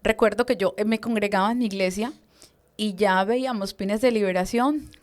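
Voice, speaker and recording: A woman giving a personal testimony in an interview. She tells her story with lively storytelling and acts out the voices of others. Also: mid-range voice, normal speed. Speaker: deliverance minister giving testimony.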